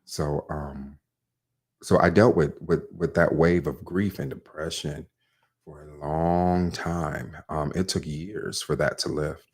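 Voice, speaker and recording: Interview guest, man, very low voice, candid storyteller with self-mocking humor. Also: steady tone, slow pace, husky. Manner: candid, storytelling, jokes about himself. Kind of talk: casual interview chat.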